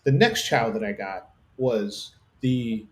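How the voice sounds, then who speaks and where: A man's voice: medium pitch, expressive, takes it slowly. A middle-aged man co-hosting a show, telling easygoing stories with dry humor. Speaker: radio co-host. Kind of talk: casual chat.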